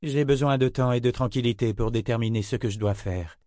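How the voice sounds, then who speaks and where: A man reading a novel aloud and voicing a composed woman sorceress, a former mistress of death, with a calm, raised voice. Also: medium pitch, brisk, no room sound, clean studio sound, natural voice. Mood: urgent.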